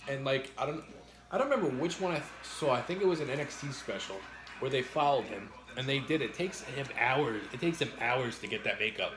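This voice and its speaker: A man chatting casually as he co-hosts an eating show, with halting, repeated words and some mild swearing. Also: medium pitch, lively intonation, crowd noise. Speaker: mukbang co-host. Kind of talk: casual chat while eating, answering viewers. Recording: roomy, echoey indoor sound.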